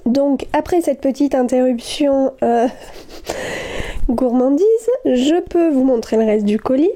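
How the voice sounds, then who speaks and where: Slow, hesitant woman with a mellow voice. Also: sits high. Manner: hesitant, many fillers and restarts, gushing. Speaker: knitting vlogger. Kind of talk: casual chat.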